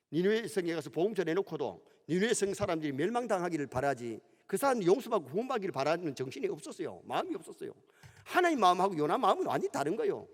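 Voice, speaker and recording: A middle-aged pastor with a Gyeongsang Korean accent, preaching a sermon in an animated storytelling manner in a church sanctuary. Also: male voice, a little high. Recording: long church hall reverb.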